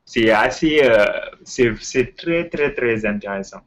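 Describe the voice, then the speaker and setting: A man's voice: mid-range voice, expressive, slow pace, rough recording. A man with an English-tinged French accent giving an enthusiastic casual history talk as host, hesitant, full of fillers and repeated words. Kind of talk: casual spoken lecture. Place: Ontario, Canada.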